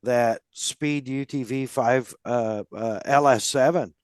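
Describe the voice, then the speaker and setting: Smooth, dry-sounding male podcast host. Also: mid-range voice, takes it slowly, a little mellow, dry recording. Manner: friendly, laughs often, loose filler-heavy talk. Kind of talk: casual podcast chat.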